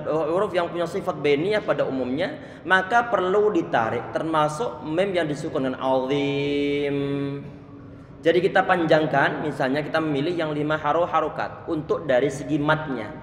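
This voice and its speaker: Middle-aged male recitation teacher, a bit high-pitched, patient and repetitive, recorded in a boomy, echoing room. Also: normal speed, slight background noise. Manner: repeats and models letter sounds, stops to check the listener; frequent restarts on words. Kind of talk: tajwid lesson explaining letter sounds. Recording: echoey room with long reverb.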